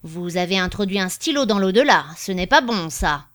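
A pompous old judge who bellows his rulings as if to a crowded courtroom, fussy and officious, as a woman reading the story acts him out. A storybook figure with loud, raised declarations. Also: medium pitch, lively intonation, normal speed, close to an everyday voice. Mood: scolding. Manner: shouting, pompous.

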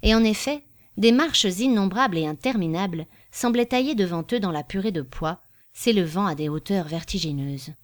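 A woman's voice: medium pitch, expressive, moderate pace. Woman reading a story aloud. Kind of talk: scripted storybook narration.

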